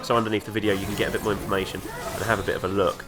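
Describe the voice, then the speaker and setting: A man's voice: on the low side, little pitch movement, racing. A man with the flu, sounding congested and nasal, chatting enthusiastically and a bit ramblingly while playing a game. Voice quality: nasal from a cold. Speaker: gaming video host. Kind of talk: let's play commentary. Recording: game music playing underneath. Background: game music and sounds.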